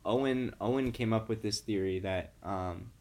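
A young adult man co-hosting a podcast in casual chat, relaxed and quick to laugh. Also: on the low side. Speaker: podcast co-host.

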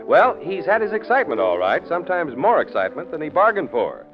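An old-time radio announcer, polished and lively, with a voice on the higher side that rises and falls freely. Music plays behind the dull vintage recording. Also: male voice, brisk. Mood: polished showmanship. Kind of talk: old-time radio announcing, sponsor reads and scene-setting narration.

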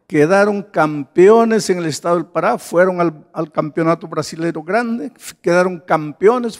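A male pastor giving a storytelling sermon, lively and full of acted quotes. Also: on the high side. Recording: long hall reverb.

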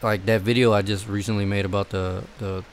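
A young man co-hosts a casual podcast chat among friends, rambling, laid-back and swearing freely. His voice is on the low side and level in tone, brisk in pace, with slight background noise.

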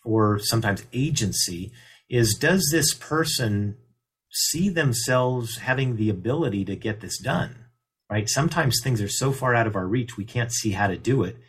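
A man as a guest expert on a radio talk show, explaining leadership in a measured way and slowing down to stress key terms. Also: mid-range voice, expressive, a bit bright, slightly rough.

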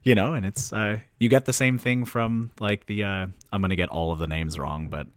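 Deep-voiced guy on a podcast, upbeat, quick comebacks, dry close mic. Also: steady tone, no echo. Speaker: podcast co-host. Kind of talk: casual chat.

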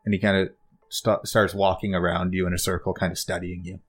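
Deep-voiced man narrating as game master. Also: flat delivery. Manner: halting, full of fillers and restarts.

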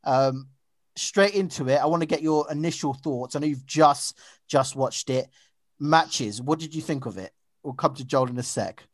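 A man's voice: medium pitch, normal speed, no echo, clean studio sound. A man hosting a casual podcast, chatty and upbeat with lots of fillers. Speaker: podcast host.

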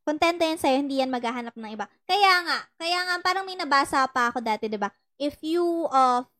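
Lively and brisk, a young Filipino woman with a high, fairly bright voice hosts a casual love-advice podcast with no echo. She mixes in English, teasing and laughing often.

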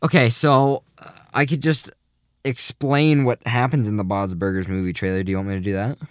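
A young man hosting a casual, goofy podcast chat, talking in a mock-serious, rambling way that often trails off quietly. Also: mid-range voice, flat delivery, fairly quick, clean tone, dry recording, studio quality. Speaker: podcast host.

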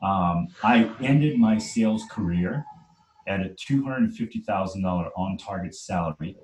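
Unhurried and with lively intonation, a man from Trinidad in his forties shares his life story as an interview guest in a low, slightly mellow voice. He's emphatic and earnest and keeps saying "right?". The low-quality recording is roomy with a bit of hiss or hum.

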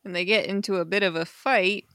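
A woman's voice: mid-range voice, steady tone, fairly quick, fairly bright tone, no echo. A woman co-hosting a casual comic book club podcast, making dry, wry remarks and thinking aloud. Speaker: podcast co-host.

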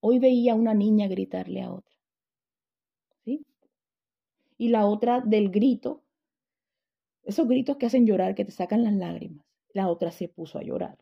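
A woman's voice: medium pitch, normal speed, vocal fry, long pauses, slightly rough, muffled recording. A woman teaching a Bible lesson, telling stories and putting questions to her class.

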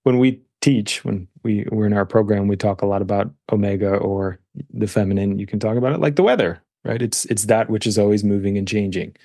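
A man's voice: on the low side, brisk, dark tone, dry recording, studio quality. A man co-hosting a podcast in casual conversational talk, thoughtful and self-deprecating. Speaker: podcast co-host.

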